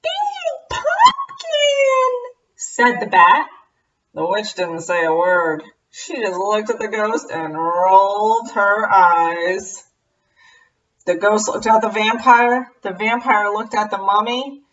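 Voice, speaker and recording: Slow, expressive woman reading aloud. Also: mid-range voice, a little hiss or hum. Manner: expressive read-aloud, leaning on repetition. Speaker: storyteller. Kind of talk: reading a picture book aloud. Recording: roomy, distant, dull sound.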